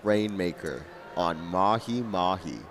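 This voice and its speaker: A man doing live esports commentary as a playful, excitable co-caster. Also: deep voice, slow pace, crowd noise.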